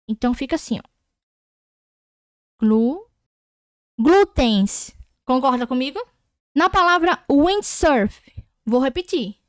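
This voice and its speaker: A Brazilian woman teaching an online Portuguese grammar lesson, patiently repeating words slowly and checking that students follow. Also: high-pitched, no echo, studio quality.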